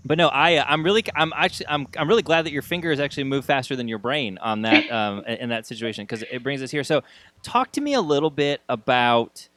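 A man hosting a podcast, talking conversationally with halting phrasing and repeated words. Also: mid-range voice, animated, fairly bright tone, a little hiss or hum. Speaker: podcast host. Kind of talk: conversational podcast intro and interviewing.

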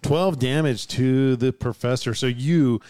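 A man's voice: mid-range voice, measured pace, darkish tone, no echo, studio quality. A man narrating as game master for a tabletop game, playful and chuckling as he describes the gore.

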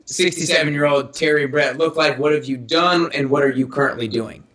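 A man's voice: on the high side, a little fast, fairly bright tone. A man interviewing a guest in a casual, conversational style. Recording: echoey, roomy sound.

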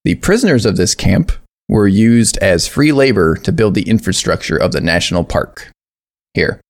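Man, low-pitched, podcast co-host, reading notes, hesitant, casual. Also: very animated. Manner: halting reading with fillers and restarts.

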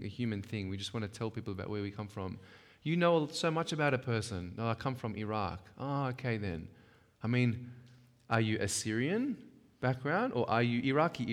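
Low-voiced man teaching a workshop. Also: animated, brisk, hardly any pauses. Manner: conversational, emphatic, with rhetorical check-ins. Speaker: workshop speaker. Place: church hall. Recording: long hall reverb.

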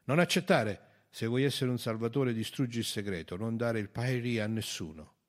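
A man voicing a fierce, idealistic woman in an audiobook reading, loud and insistent. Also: lowish voice, animated, fairly quick, close to an everyday voice.

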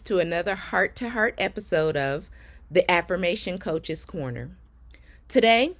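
A fairly low-pitched woman hosts a podcast as an affirmation coach, reading scripted motivational narration. Her delivery is earnest, encouraging and measured.

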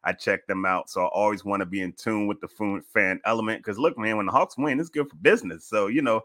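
A man's voice: fairly low pitch, fast, fairly bright tone. A man hosting a sports podcast, chatting in an informal, colloquial way. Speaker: podcast host. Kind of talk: casual sports podcast chat.

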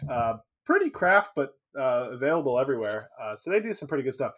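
A man co-hosting a podcast in casual chat, animated and laughing often. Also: medium pitch, fast talker. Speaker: podcast co-host.

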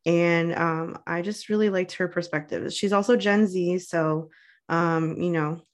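A woman in her thirties co-hosting a casual podcast chat. She talks in a chatty, self-deprecating way full of ums and likes, in a slightly low voice. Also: steady tone, measured pace. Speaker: podcast co-host.

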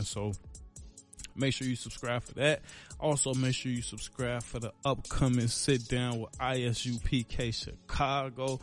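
A man hosting his own podcast, talking casually in a rambling, laid-back way with lots of fillers and slang, a little out of breath. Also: medium pitch. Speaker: podcast host. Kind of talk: casual solo podcast outro.

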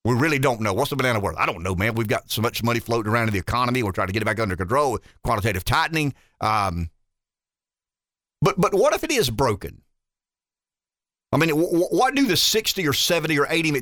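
His voice slightly high, a man in his 50s muses on air as a talk radio host, animated and rambling, full of rhetorical questions. It's a dry, studio-quality recording.

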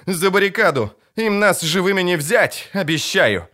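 A man reading an audiobook, voicing a fierce, battle-hardened woman mercenary captain who shouts commands. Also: lively intonation, fairly quick. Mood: commanding. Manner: shouted commands, raised high voice.

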